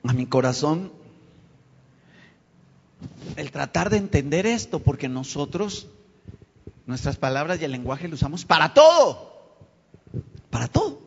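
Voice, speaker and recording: High-voiced pastor preaching in an echoing hall. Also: male voice, sing-song, a little slow, vocal fry, long pauses, husky. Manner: preacher addressing the congregation as brothers, rising to emphatic peaks. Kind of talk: sermon. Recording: dull lo-fi live stream with long hall reverb.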